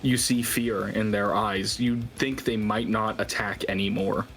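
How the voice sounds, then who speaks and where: A man narrating a tabletop game as dungeon master in a relaxed, chatty way. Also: on the low side, a little slow, slight background noise, rough recording.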